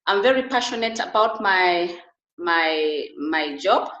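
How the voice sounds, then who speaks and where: A woman's voice: lowish voice, animated, takes it slowly, fairly bright tone, dull audio. A middle-aged woman from Uganda, guest in an interview, speaking earnestly with frequent restarts. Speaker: interview guest, beauty and wellness therapist. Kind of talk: conversational interview. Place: Germany. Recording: roomy echo.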